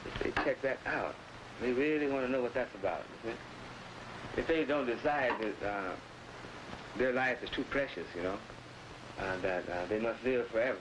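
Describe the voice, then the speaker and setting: Man, activist, archival newsreel interview, rushed and casual with verbal tags, noisy old film sound. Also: medium pitch. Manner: loose and rushed, with "you know" and "you see" tags.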